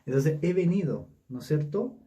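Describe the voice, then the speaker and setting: A man with a Chilean Spanish accent leading a casual Bible study, talking haltingly with many fillers and tag questions. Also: fairly high pitch, expressive, mellow, recorded from a distance.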